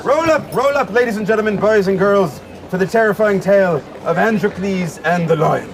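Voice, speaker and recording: An actor playing a gentle travelling showman, kindly and devoted to his performing animals, in a film drama. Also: high-pitched, normal speed, noisy background. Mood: showy. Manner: kindly, chatting to animals as companions.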